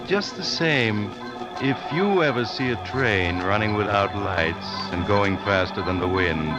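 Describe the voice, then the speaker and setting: Deep, sly Mysterious Traveler. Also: male voice. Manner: wry, insinuating, theatrical. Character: sly, macabre mysterious traveler, storytelling host. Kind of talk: 1940s radio acting. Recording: old radio with loud organ music.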